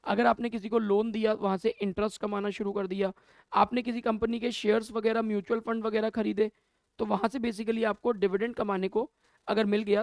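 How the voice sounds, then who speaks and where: A man's voice: high voice, dry recording. Man teaching accounts, question and answer. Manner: asks questions and answers them himself; mixes Hindi and English terms. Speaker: commerce teacher. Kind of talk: classroom lecture to students. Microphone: camera mic.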